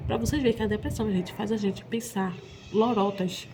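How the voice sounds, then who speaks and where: A woman's voice: medium pitch, fairly even intonation, fairly quick, background noise. A woman from Pernambuco, confiding in her viewers as a vlogger. She repeats herself often and keeps turning to address her audience directly. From Pernambuco, Brazil. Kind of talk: emotional personal confession to viewers.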